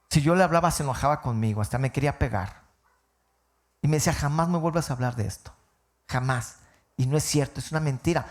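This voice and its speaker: A man, a pastor preaching a sermon and telling a personal story with emotional rises and falls. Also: fairly high pitch. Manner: emotional storytelling, voice rising and falling.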